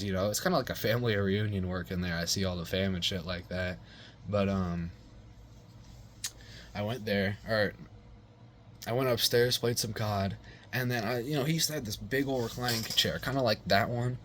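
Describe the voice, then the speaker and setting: A young man with a lowish voice tells a story in a loose, rambling way, packed with curses, slang and "like"s. Faint noise sits behind him. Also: a bit bright. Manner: rambling and profane, heavy slang and fillers. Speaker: vlogger telling a personal story. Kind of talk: casual storytelling.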